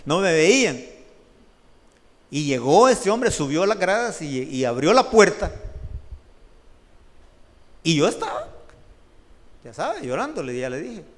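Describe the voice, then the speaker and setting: A middle-aged man with a Salvadoran Spanish accent, preaching a testimony sermon in an animated storytelling way, often addressing listeners as brother. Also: on the high side. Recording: long hall reverb.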